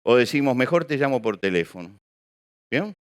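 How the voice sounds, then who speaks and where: A man's voice: mid-range voice, big pitch swings, normal speed, clear, resonant tone. A male pastor preaching to a live congregation, asking rhetorical questions and acting out small examples. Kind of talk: sermon. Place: church or hall with an audience.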